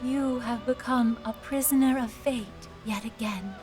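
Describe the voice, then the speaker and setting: A grave young attendant of a mystic room, voiced by a woman, speaks in formal, archaic phrases. Her voice sits a little high. Soft game music plays behind her. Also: measured pace, lightly acted. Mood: solemn. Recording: game audio with background music.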